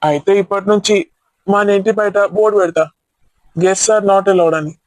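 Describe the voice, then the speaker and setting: A man's voice: high voice, fairly even intonation, moderate pace, no room sound, close to an everyday voice, rough recording. A man playing a playful husband who teases his wife and argues in mock protest. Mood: teasing. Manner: teasing, mock-argumentative. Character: teasing, playful middle-aged husband.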